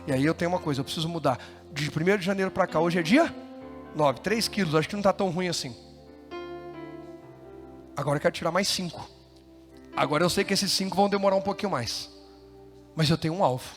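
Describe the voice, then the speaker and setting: Brief: middle-aged Brazilian pastor, high tenor-ish voice, fervent sermon style, soft music underneath. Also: male voice. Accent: Brazilian Portuguese. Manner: animated preaching, shifts from chatty asides to loud fervor. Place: church.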